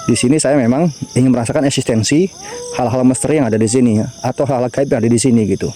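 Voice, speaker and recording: A man with a Javanese accent talks to his stream from a graveyard at night, chatty and loose as he answers viewers. His voice is mellow and warm, and a faint hum of crickets and insects sits behind him outdoors. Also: mid-range voice, racing. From Java. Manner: chatty, talks to viewers and chat, invokes spirits. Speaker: mystery vlogger.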